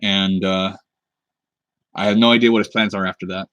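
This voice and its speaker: A deep, steady, fairly bright voice belongs to a Pacific Northwest man in his twenties who livestreams from his home desk under a lamp while making a cosplay prop. He talks at a normal speed in a relaxed, rambling way. The webcam mic recording is dry, with the highs cut off.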